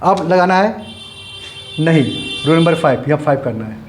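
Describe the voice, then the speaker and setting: A man's voice: on the high side, expressive, moderate pace, faint music behind. A man with a slightly raised voice gives a grammar lesson. He repeats each step and checks that his students follow before moving on. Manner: repetitive, explains step by step while writing. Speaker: English teacher. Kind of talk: Hindi-medium grammar lesson.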